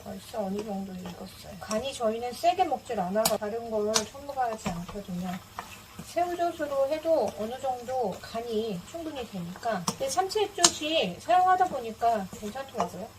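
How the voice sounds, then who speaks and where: A rather high-pitched woman hosts a casual home cooking video. She explains each step in an easygoing way. There is clear kitchen noise behind her, with clicks and chopping. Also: expressive, moderate pace. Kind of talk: casual cooking narration while cooking.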